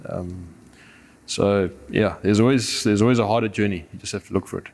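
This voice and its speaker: Music plays behind a documentary interview with a Zimbabwean man, an adventurer and overlander with a Zimbabwean accent. He speaks fairly quickly in a fairly low voice with fairly even intonation, sounding earnest, philosophical, reflective and conversational.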